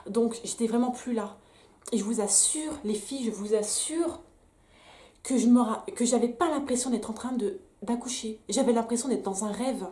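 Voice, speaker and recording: A woman's voice: fairly high pitch, normal speed, dark tone. A young woman vlogger candidly telling a personal story straight to the camera, emphatic and full of restarts. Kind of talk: story time vlog. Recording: echoey room.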